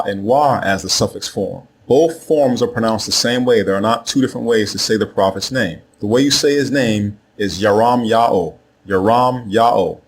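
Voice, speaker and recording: A man narrating a scripted lesson in a measured way, spelling out letters and saying each name slowly twice. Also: fairly low pitch, a little hiss or hum. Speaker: teacher of Hebrew names.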